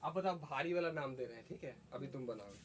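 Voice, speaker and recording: A man's voice: medium pitch, quick pace. A man teaching a class, asking the students questions and repeating their answers. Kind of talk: classroom lesson. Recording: faint background noise.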